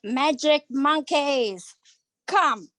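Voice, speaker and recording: Woman reading as a wicked witch: high, swooping, slow, gloating storybook villain, dry close sound. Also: expressive, a bit bright, no echo, exaggerated voice. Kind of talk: storybook read-aloud for English learners.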